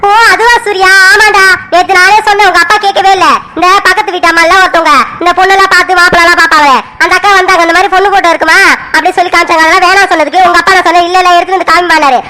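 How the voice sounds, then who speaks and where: A woman as a calm cartoon mother. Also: extremely high pitch, very fast, a little hiss or hum. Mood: soothing. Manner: patient, reassuring, repeats "sit, wait". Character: middle-aged mother, calm and soothing. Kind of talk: animated cartoon serial voice.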